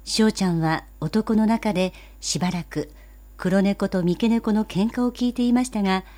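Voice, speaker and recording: Mellow-voiced woman reading a story. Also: mid-range voice, normal speed. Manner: gentle, even, old-fashioned polite narration. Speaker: narrator.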